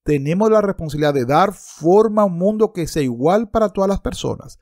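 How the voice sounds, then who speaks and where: Expressive and a little fast, a man in his thirties with a high, darkish voice argues his points emphatically, as in opinionated video commentary that includes read-aloud passages. He's at home in a book-lined room, speaking close to a desktop microphone in front of him.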